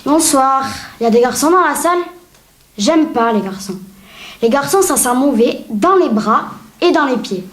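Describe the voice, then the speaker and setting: A woman doing a sassy high-voiced comic rant. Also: expressive, normal speed. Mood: mocking. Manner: sassy, mocking complaints. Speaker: acting student at a casting. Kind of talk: comic sketch acting. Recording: echoey room.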